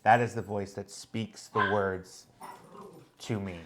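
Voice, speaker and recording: A man's voice: on the low side, fairly even intonation, slow, crowd noise. Man explaining things, thinking aloud. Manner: explains at length, thinking aloud with many fillers. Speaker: co-host. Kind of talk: casual chat.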